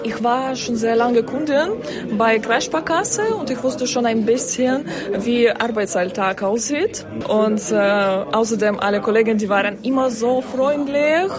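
Ukrainian-accented woman trainee, slightly high, hesitant, crowd noise behind. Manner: halting, searching for words. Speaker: bank trainee. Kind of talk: interview clip.

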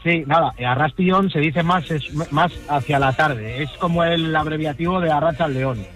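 A man's voice: a little high, moderate pace, a bit bright. A man from the Basque Country calling in to a radio show, hesitant and full of restarts. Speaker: caller. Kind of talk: phone-in chat.

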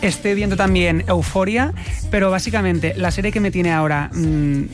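Soft music plays in the background while a high-voiced young actor from Spain talks casually as a guest in an interview. He's fast and lively, laughs a lot, and keeps starting his phrases over.

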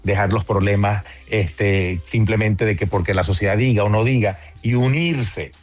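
A man's voice: lowish voice, normal speed, muffled recording. A man, a TV producer, talking earnestly in a casual interview. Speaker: TV producer and guest.

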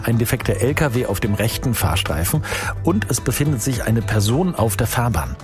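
A man hosting an afternoon radio show, reading traffic news and chatting in a cheerful, energetic way. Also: mid-range voice, normal speed, soft background music. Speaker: radio host. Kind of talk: upbeat radio presenting with traffic report.

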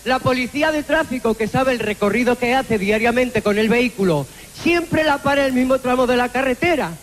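A woman's voice: on the high side, a little fast, slight background noise. A woman telling folksy regional jokes on television, playfully mimicking characters. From Zaragoza, Spain. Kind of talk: stand-up joke telling.

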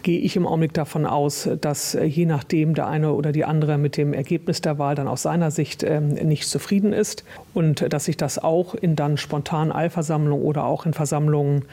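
A woman's voice: deep voice, fairly even intonation, a little fast, warm tone. A woman interior minister giving an official statement, in bureaucratic phrasing with frequent fillers.

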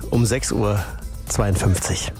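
A man's voice: fairly low pitch, steady tone, slow pace. A man hosting a morning radio show, chatting casually and laughing now and then. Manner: chatty, laughs between remarks. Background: music bed.

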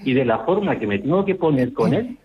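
This caller from Spain phones into a radio show, laying out his grievance in an indignant, insistent way. He speaks fairly quickly in an expressive mid-range voice, and the line sounds tinny.

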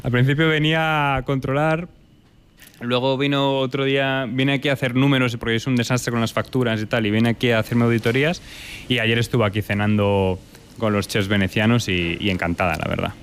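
This young Spanish man is a chef answering questions about his cooking. He talks in a thoughtful, meandering way, full of fillers and restarts, at a middling pitch. A faint background noise sits under the recording. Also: steady tone, fairly quick, a bit bright. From Spain. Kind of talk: relaxed interview answers.

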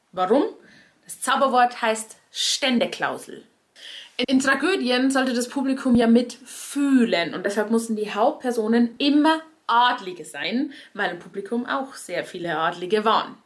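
Speaking with a Bavarian accent in a fairly high, slightly bright voice, a woman explains things in a wry, conversational manner. She talks straight to her audience the way a cabaret performer would.

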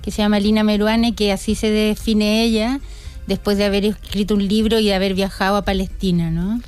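A woman's voice: medium pitch, little pitch movement, brisk, darkish tone, clean tone, faint music behind. A woman in her sixties, a guest on a radio interview, telling stories with many restarts. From Chile. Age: older. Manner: chatty, storytelling with many restarts.

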